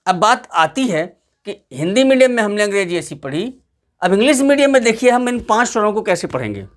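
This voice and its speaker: A man's voice: sits high, big pitch swings, a little fast, fairly bright tone. A man teaching English pronunciation to students in a patient classroom lesson, repeating and drawing out each vowel sound.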